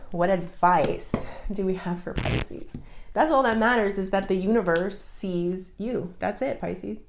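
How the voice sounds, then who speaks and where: Female tarot reader, low-pitched, heartfelt and emotional, recorded in a roomy echoey space. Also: darkish tone. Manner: heartfelt, emotional, speaks straight to the viewer. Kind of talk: casual tarot reading to camera.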